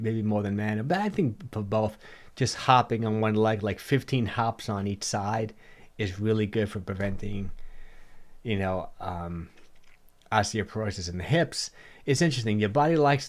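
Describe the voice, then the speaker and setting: Somewhat hoarse with a cold, a middle-aged man with a voice on the low side fields viewer questions during his livestream. He's casual and rambling, often repeating himself, doubling words, and starting sentences over.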